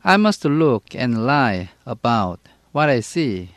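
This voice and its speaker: Man reading as a scared young boy wizard, desperate thoughts, very slow, dry sound. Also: mid-range voice, sing-song, no echo, heavily acted.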